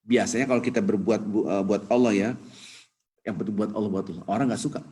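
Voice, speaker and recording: A man with an Indonesian accent giving a conversational Ramadan sermon in a mosque, telling stories with animated quoted voices. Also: fast talker. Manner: animated storytelling, acts out quoted voices, jumps up in pitch for emphasis. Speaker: ustadz giving a Ramadan lecture.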